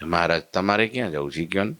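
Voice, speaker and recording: An anxious young disciple who clings to his master and fires off one worried question after another, as a male preacher puts him on. His voice sits a little higher than the storyteller's, with a lilt. It comes in lower than most men's voices. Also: expressive, very fast, bright, forceful tone. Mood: stubborn. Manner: pleading, fussing with worried questions.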